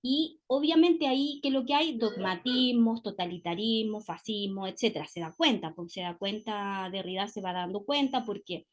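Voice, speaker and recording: A woman's voice: medium pitch, normal speed, hardly any pauses, dull audio. A woman with a Chilean accent, giving a classroom lecture and explaining step by step, often checking in with her listeners through tag questions. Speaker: teacher.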